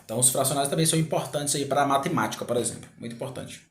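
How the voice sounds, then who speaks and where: A man teaching a grammar lesson, explaining slowly, repeating words and asking rhetorical questions. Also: mid-range voice. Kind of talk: grammar lecture. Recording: echoey room.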